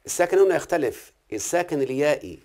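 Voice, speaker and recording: Animated and very fast, this man teaches recitation and grammar to one student in a slightly high, darkish voice with an Egyptian Arabic accent. He often breaks off to ask questions and check that the student gets it.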